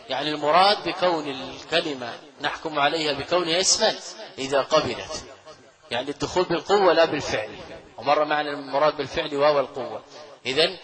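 A man delivering a grammar lecture with a slightly high voice. He explains step by step, repeats key phrases and quizzes his students with rhetorical questions. He chuckles often while he teaches. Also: fairly bright tone, low-quality recording. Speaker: Islamic scholar teaching Arabic grammar.

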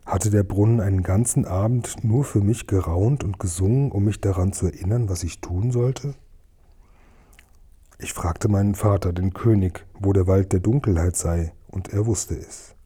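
Man, storybook narration, gentle and measured, low voice, husky tone. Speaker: audiobook reader.

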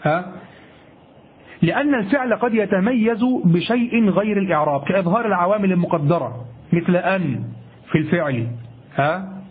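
A high-pitched, breathy male grammar teacher lectures on Arabic grammar at a moderate pace, leaving long pauses. He repeats his phrases, self-corrects, asks rhetorical questions, and checks in with "ha?" The sound is tinny lo-fi, much like a phone recording.

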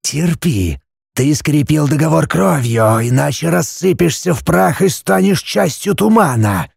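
A man voicing an ancient male basilisk, speaking hushed, slow and measured, a little higher than his own voice. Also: animated, vocal fry, slightly rough, no room sound, studio quality, heavily acted. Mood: admonishing. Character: ancient male basilisk, calm, wise and admonishing.

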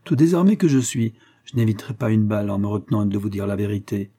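A man's voice: on the low side, fairly even intonation, quick pace, mellow, husky. A man reading the part of a brave, honest young man standing up to a gunman in a Western story. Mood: defiant. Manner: firm, defiant. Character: brave honest unarmed young male rival.

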